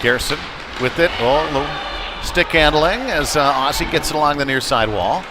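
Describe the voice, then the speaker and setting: This hockey announcer has a fairly high-pitched voice and talks at a normal speed against background noise. Calling the game live from the rink, he drops casual asides between plays while music comes over the arena speakers.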